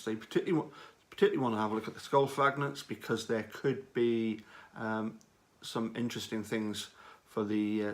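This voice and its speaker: With a medium-pitched voice, a man comments unscripted on a true-crime case, his speech deliberate and halting, marked by frequent pauses and repeated words.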